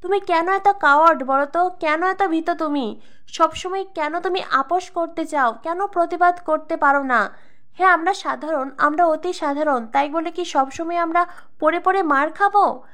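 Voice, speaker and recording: A woman's voice: very high voice, normal speed, a bit bright. A woman reading a desperate, furious mother. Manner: pleading and accusing. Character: desperate angry mother, middle-aged woman.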